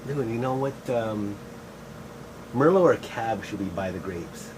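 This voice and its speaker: A man's voice: on the low side, expressive, unhurried. A middle-aged man chatting in a casual, rambling way as the host of a show. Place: shed. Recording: faint air-conditioner noise.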